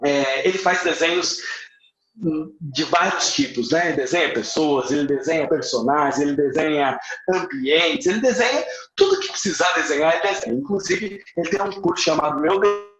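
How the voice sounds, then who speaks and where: A man's voice: a little high, animated, moderate pace, fairly bright tone. A middle-aged Brazilian man with a Brazilian accent, teaching English in a live online class. He switches between English phrases and their Portuguese translations and stretches key words for emphasis. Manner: says phrases in English, then repeats them in Portuguese. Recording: echoey room, slightly dull sound.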